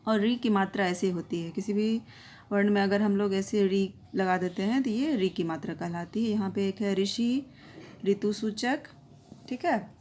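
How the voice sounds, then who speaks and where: A woman's voice: medium pitch, normal speed, a little mellow, a little hiss or hum. Patient woman teaching young children. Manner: patient, checks in often with tag phrases. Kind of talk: explaining a grammar lesson for young children.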